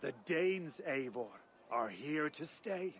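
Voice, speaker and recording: Slow, high-voiced Guthrum, converted conqueror. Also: male voice, lively intonation, a little hiss or hum. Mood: warm, devout. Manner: genial, reflective, grandly deliberate. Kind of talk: video game cutscene acting.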